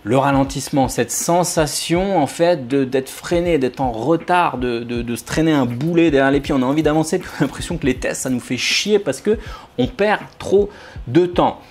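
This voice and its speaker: A man who works as a software developer, explaining testing to viewers in a casual, informal vlog with sarcastic jokes and frequent restarts. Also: medium pitch, moderate pace. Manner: jokey, sarcastic asides.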